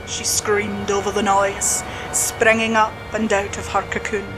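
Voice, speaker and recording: A woman narrating a horror story slowly and dramatically, dropping to a hush at tense moments. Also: mid-range voice, little pitch movement. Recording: spooky music bed under voice.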